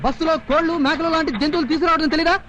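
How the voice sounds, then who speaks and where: A bossy, rule-quoting bus conductor scolds his passengers. His voice sits very high. A loud film score plays under him. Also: fairly even intonation, very fast, loud music behind the voice. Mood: scolding.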